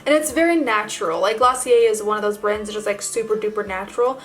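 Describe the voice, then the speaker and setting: Over faint background music, a fast-talking woman at medium pitch addresses her audience in an informal, gushing vlog style. It sounds like a chatty makeup tutorial.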